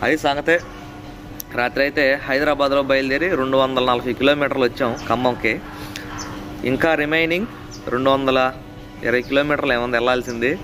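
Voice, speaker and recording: Chatty man vlogging over background music. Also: medium pitch. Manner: chatty, laughs often, repeats stock phrases. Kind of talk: casual travel vlog chat.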